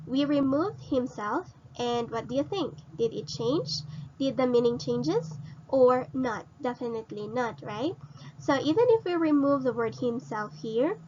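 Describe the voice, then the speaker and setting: A woman teacher slowly explaining grammar in a recorded lesson, asking her students questions and repeating points. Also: fairly high pitch, dull audio, a little hiss or hum. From Philippines.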